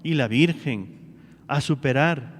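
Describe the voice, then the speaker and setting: A man's voice: medium pitch, slow, in a large hall. A priest giving a homily, preaching earnestly and asking his listeners one rhetorical question after another.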